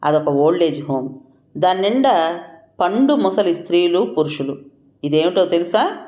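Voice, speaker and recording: Audio story narrator, steady expressive reading, mid pitch, echoey room. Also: moderate pace. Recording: roomy echoing room.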